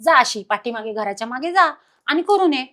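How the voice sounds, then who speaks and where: A woman's voice: high voice, lively intonation, normal speed, sharp tone. A woman voicing her sleepy older mother-in-law, who brushes off a request in a drowsy way. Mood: sleepy dismissive.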